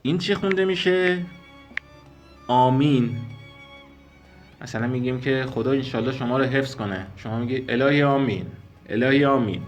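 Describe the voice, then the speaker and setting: Man teaching slowly over faint music. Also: medium pitch. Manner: slow, careful explanations, repeating and spelling out sounds. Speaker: Persian language teacher. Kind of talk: spoken language lesson.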